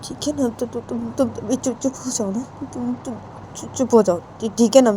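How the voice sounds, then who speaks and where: A woman voicing a tender young woman who gently coaxes her weeping partner, asking "haan?" after almost every line. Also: a little high, fairly even intonation, normal speed, a little hiss or hum, pitched above the performer's own voice, natural voice, poor audio. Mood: soothing.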